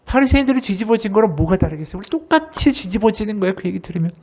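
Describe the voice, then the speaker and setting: A pastor preaching at a church service in a voice of middle height. The delivery is animated and swings between rising and falling, with many rhetorical questions put to the congregation. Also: mid-range voice, rapid-fire. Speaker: associate pastor. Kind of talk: sermon.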